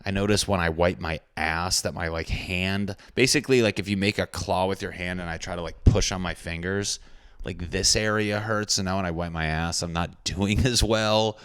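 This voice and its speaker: A man in his thirties talks alone on his podcast, rambling crudely and poking fun at himself. His voice sits low and comes across smooth and resonant. The sound is dry and close, with no room around it. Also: steady tone, normal speed, a bit bright, no echo. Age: 30s. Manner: rambling, crude and self-mocking. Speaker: podcast host. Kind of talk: casual solo podcast monologue.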